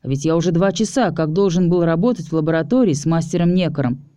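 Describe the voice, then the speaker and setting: A man reads a first-person fantasy story aloud, wry and steady. His voice is mellow and warm-toned, and the recording is dry and close. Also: a little high, fast talker, no room sound. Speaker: audiobook narrator.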